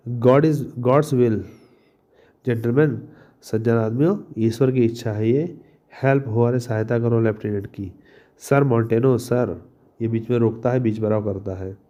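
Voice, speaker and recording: A male teacher explaining a play line by line, reading each English line slowly and then explaining it in Hindi. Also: mid-range voice, warm tone, lo-fi sound.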